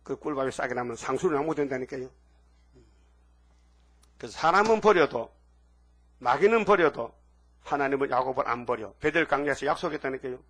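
A man preaching a sermon as a pastor, telling stories animatedly with sudden loud outbursts and asking the audience for agreement. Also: medium pitch, fairly quick, long pauses. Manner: animated storytelling with sudden shouts.

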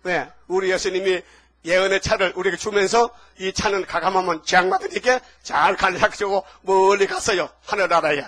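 High-voiced Korean pastor preaching animatedly. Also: male voice, moderate pace. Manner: animated preaching, frequent rhetorical questions to congregation. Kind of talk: sermon.

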